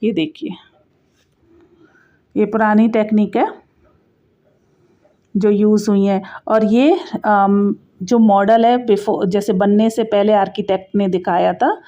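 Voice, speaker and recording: Slow and punctuated by long pauses, a woman's medium-pitched, dark voice keeps a fairly even intonation as she narrates a sightseeing tour for her travel vlog. She speaks casually and directly to viewers about the sights, and the recording is dull, muffled and lo-fi.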